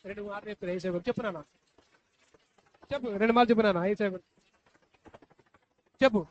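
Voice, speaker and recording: In a dull, lo-fi live recording with faint noise, a puppet show host addresses children, gently urging them on and repeating questions. The voice is medium-pitched and fast.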